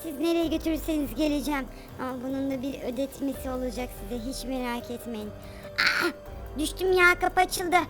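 A brash superhero mom, voiced by a woman for a comic game role-play, with a very high, piercing voice. She throws around rough street slang and fires her words off in quick repeated bursts. Faint music plays underneath. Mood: pleading, sarcastic.

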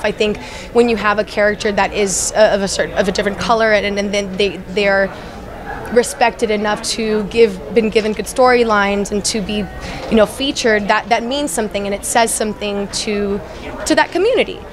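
A young actress from Miami is interviewed at a crowded event, speaking earnestly into a handheld mic held by the interviewer. Her mid-range voice comes with frequent restarts and fillers in casual chat, and crowd chatter fills the background.

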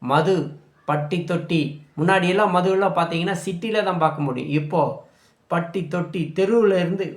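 A man's voice: sits high, brisk, echoey room. Angry scolding man, raised voice. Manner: scolding, shouting at the audience. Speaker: political commentator. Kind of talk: angry political rant.

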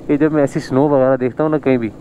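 This Pakistani vlogger talks casually on a motorbike ride outdoors along a snowy mountain road, often chuckling and admiring the scenery. The sound is phone-quality with a little hiss or hum, and his pitch is medium.

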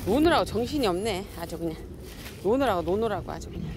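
A woman filming her cats outdoors on a hillside near a road, baby-talking to them and explaining calmly to viewers. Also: medium pitch, fast talker, noisy background. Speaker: cat owner filming her pets. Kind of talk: casual outdoor vlog narration.

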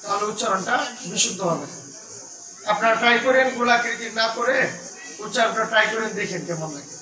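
A man's voice: high voice, brisk, reverberant, far from the mic, noisy background. A man with a Bangladeshi Bengali accent teaching a Quran reading lesson, drilling the letter sounds in a chanting, sing-song way.

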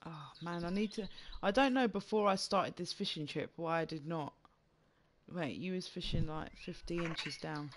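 A man's voice: on the high side, normal speed, background noise. A man with a slight lisp streaming a fishing game, chatting casually with friends and stumbling over words now and then. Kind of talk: casual gaming chat.

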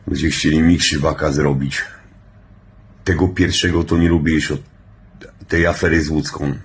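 A man's voice: extremely low pitch, flat delivery, moderate pace, a little hiss or hum. A man who sounds stoned, rambling sluggishly and casually to his audience with heavy swearing. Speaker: vlogger.

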